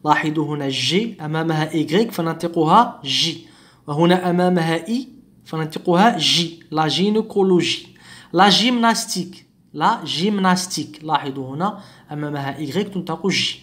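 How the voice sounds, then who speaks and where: A man with a fairly high voice teaches a phonetics lesson. He speaks slowly and deliberately, repeating sounds and example words so learners can follow. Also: a bit bright. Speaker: French teacher.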